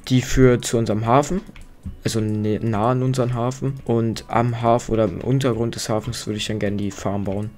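A man's voice: mid-range voice, a little mellow. A young man giving casual game commentary at his computer, talking to the game characters and fretting and pleading over them. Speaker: let's play gamer. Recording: faint keyboard noise. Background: keyboard clicks and typing.

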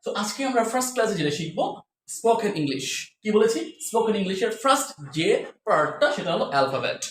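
A man's voice: sits high, lively intonation, quick pace, a bit bright. A man teaching a spoken English lesson, drilling each sound over and over and asking viewers questions. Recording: echoey room with faint ambient noise.

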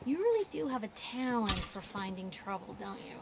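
A wry teasing reporter in a game, game audio under noise. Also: female voice, medium pitch, very animated, normal speed, vocal fry. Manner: teasing, candid. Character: wry adult woman reporter companion. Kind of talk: video game dialogue.

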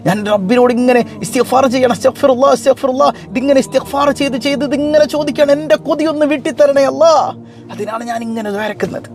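A man's voice: extremely high pitch, quick pace, a little mellow, faint music behind, pitched above the performer's own voice. A man voicing a humble, devout male bread seller who speaks in an earnest, pleading way.

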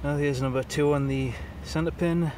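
A man filming himself fishing from a harbour jetty on his phone, giving relaxed, matter-of-fact running commentary as he thinks aloud. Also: a little high, moderate pace. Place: outdoors on a wooden harbour jetty by the water. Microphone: phone camera held by the speaker. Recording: loud wind noise on a phone mic. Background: wind and water.

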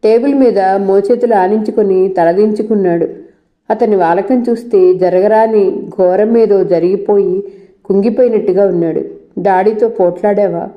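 A woman storyteller reading a novel aloud in steady, scripted narration. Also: medium pitch, moderate pace, muffled recording.

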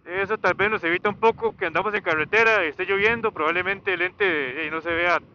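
A fairly high, pushed, bright voice comes through a dull-sounding helmet intercom as a man rides his motorcycle down a highway. He talks casually and fairly quickly but hesitantly, rambling and repeating himself, with faint motor and road noise underneath.

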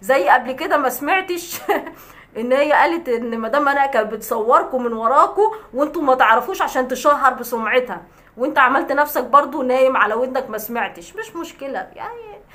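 A woman's voice: high-pitched, fast, fairly bright tone. A woman with an Egyptian accent, a vlogger ranting at a critic in a sarcastic, scolding way with scornful laughs. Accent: Egyptian Arabic. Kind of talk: mocking rant to camera.

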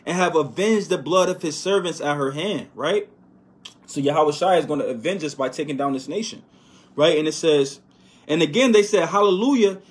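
A man giving an informal Bible lesson, reading verses slowly and with emphasis, then dropping to a quiet "man" or "right?" after each point. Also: a little high. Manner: reads verses slowly and loudly, tags lines with "right?" and "man". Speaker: bible teacher. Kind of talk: informal scripture teaching.

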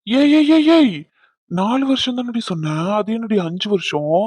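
A woman voicing a young husband in a cartoon who is brusque with his wife but gentle when he comforts a friend. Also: mid-range voice, lively intonation, normal speed, slightly rough, dry recording. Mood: protesting. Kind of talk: cartoon voice acting.

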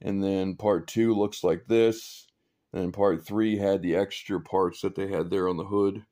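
Man, lowish voice, easygoing hobbyist walking through his models off camera; loose, rambling delivery with "uh"s and soft chuckles. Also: a little slow. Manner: relaxed and rambling, with fillers and small chuckles. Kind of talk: casual show-and-tell chat. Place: indoor hobby room, filming his own builds.

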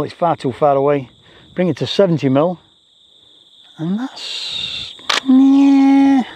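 A man with a mellow voice on the high side gives casual, chatty vlog commentary, poking fun at himself and often repeating his phrases. He's a landscape photographer and vlogger standing on a grassy rural roadside, with faint outdoor sounds and insects behind him.

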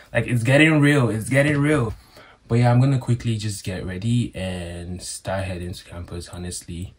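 A young man in casual vlog chat, relaxed and chatty, filling his talk with likes and you-knows. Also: on the low side, a little hiss or hum. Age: young adult. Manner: relaxed, chatty, uses lots of fillers. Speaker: vlogger. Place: indoors at home and at a campus library.

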